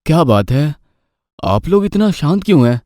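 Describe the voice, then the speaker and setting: A man's voice: on the high side, very animated, moderate pace, warm tone, no echo, studio quality. A man voicing an earnest young husband in a cartoon, speaking firmly and with concern. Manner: firm, concerned.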